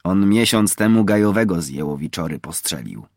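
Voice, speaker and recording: Man reading a cocky young highland marksman, bold and teasing, gravelly tone. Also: animated, fairly quick, no echo, studio quality. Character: young male mountain poacher, proud and bold. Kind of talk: audiobook character reading.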